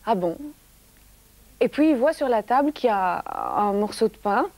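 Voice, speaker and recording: A soft-spoken woman telling a story to children in a TV studio, sometimes dropping to a whisper. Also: a little high, expressive, a little fast.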